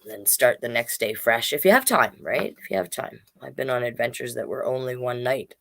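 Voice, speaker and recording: A drag king storyteller hosts a storytime, reading picture books aloud informally and dropping in chatty asides. Her voice is rumbling low and gravelly, animated, at a moderate pace.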